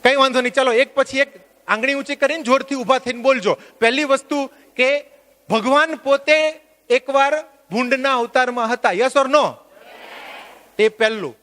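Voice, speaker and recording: A man leading a workshop, lecturing a live audience in an animated, joking way and putting questions to the listeners. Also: very high-pitched, normal speed. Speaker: workshop trainer. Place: workshop at a religious venue.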